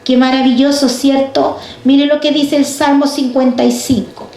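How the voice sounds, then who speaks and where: A woman delivers a fervent sermon in a high, ringing voice. She keeps turning to the congregation with questions. Her voice bounces around a roomy church hall. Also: level tone, normal speed, darkish tone, slight background noise. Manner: fervent, addresses the congregation directly with rhetorical questions. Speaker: preacher.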